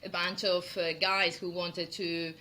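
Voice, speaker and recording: This is a middle-aged woman with a Spanish accent, speaking English as a second language in a relaxed interview. Her voice sits low but rings very bright, and she laughs often while she gathers her thoughts. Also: measured pace. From Spain. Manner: laughs often, warm and chatty with many fillers. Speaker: perfume brand founder. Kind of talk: interview conversation.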